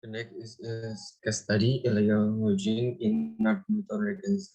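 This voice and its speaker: A young man with a low, mellow voice reads a case study aloud to his class. He speaks English as a second language, his first being Indonesian, and stumbles over words and repeats himself as he goes. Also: low-quality recording. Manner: halting reading with stumbles and repeats. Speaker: student presenter. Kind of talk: reading a class presentation.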